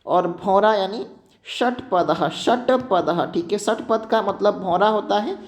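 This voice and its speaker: A man's voice: high-pitched, slow. A man teaching an exam-prep lesson, often checking in with students and reminding them to keep points in mind.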